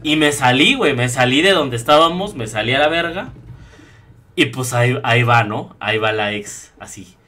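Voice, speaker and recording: A man's voice: mid-range voice, normal speed. A young man with a Mexican accent, a streamer casually telling a story, slangy and full of swearing. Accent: Mexican Spanish. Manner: profane, slangy and animated.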